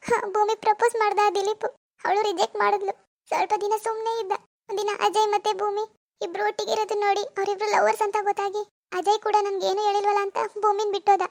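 A woman voicing a sorrowful young woman who tells of a friend's death and consoles another in an animated village drama. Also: very high-pitched, gravelly. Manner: consoling, explaining.

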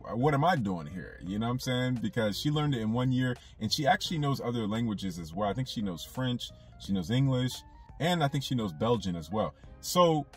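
A young YouTube commentator talks casually to camera from inside his car in a commentary vlog, rambling loosely with lots of fillers. His voice is on the low side and sounds recorded from a distance.

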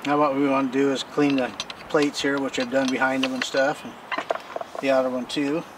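An older man who hosts a homesteading channel casually explains chainsaw repair while working in his backyard, talking in a folksy, rambling, plain-spoken way at normal speed with a medium pitch and level tone. It's a relaxed how-to demo picked up by the camera mic from a distance, so the outdoor recording carries noise.

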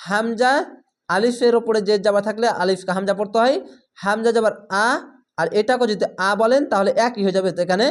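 A man teaching recitation step by step, slowly drawing out each recited word and then explaining it plainly. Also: high-pitched, fairly even intonation. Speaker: Quran reading teacher.

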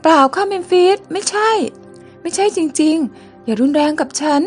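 Lady reading out a soft teary young queen from an old manga, high voice, a little music behind. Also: lively intonation, normal speed. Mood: tender, anxious. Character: young modern girl turned Egyptian queen, tender, tearful.

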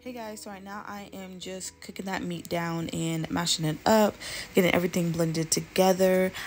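A woman's voice: on the low side, a little hiss or hum. Chatty woman in her kitchen. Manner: relaxed, chatty, lots of fillers. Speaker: cooking vlogger. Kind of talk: casual cooking narration. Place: home kitchen.

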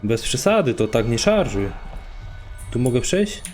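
A man commentating his own gameplay, swearing a lot, excitable and talking to himself and his viewers. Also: mid-range voice, a little slow, faint music behind. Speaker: let's play gamer.

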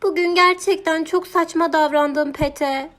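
A woman voicing a vain, stubborn female cow who exclaims loudly and whines in drawn-out words, in a children's audiobook. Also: high voice, soft background music, pitched above the performer's own voice, close to an everyday voice. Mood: plaintive.

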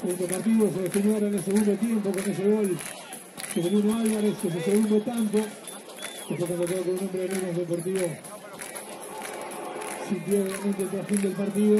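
A man's voice: high-pitched, fairly even intonation, brisk, pauses often. A man giving live football match commentary as the commentator. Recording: noisy outdoor stadium with crowd. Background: crowd and outdoor stadium noise.

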